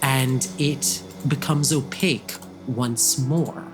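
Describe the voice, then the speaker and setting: A man's voice: mid-range voice, steady tone, slow, music in the background. A man running a tabletop game, improvising vivid narration as game master.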